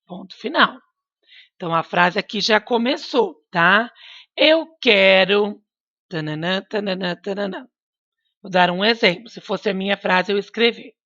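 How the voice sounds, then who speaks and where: A woman teacher gives a recorded remote lesson to young pupils, patiently coaxing them, asking questions, and repeating her prompts. Her mid-range voice is sharp in tone and moves at a normal speed. There's no echo, but the highs are cut off.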